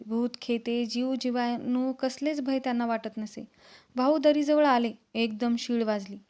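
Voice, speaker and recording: A woman narrating a classic book in a steady, expressive storytelling manner. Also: a little high. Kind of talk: literary book reading. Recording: slightly dull, lo-fi recording.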